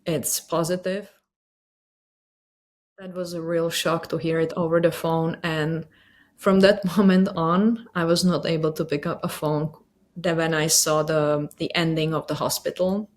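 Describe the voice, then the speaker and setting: A woman in her thirties from the Czech Republic with a Czech accent, telling her story slowly with many pauses and fillers. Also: low-pitched, level tone. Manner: hesitant, many fillers, reflective. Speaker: patient sharing her story. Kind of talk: personal testimony interview.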